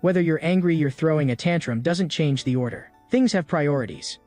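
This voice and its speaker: A man voicing a calm, blunt male magic teacher who speaks curtly and matter-of-factly. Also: fairly high pitch, a little fast, soft background music, close to an everyday voice. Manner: curt, matter-of-fact.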